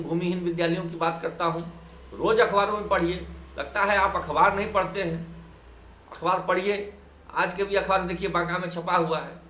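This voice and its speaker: A man's voice: a little high, a bit bright. A man from Bihar, a teacher, giving an impassioned monologue full of indignant rhetorical questions. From Bihar, India. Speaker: teacher and activist. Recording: echoey room, slightly dull sound, faint background noise.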